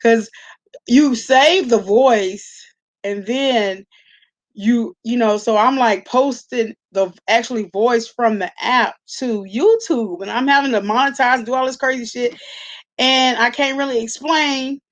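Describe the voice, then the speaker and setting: A woman with a fairly high voice speaks a little slowly as host of an online commentary channel. In this casual reaction vlog she gossips in an informal, chatty way, using salty slang and often checking in with her listener.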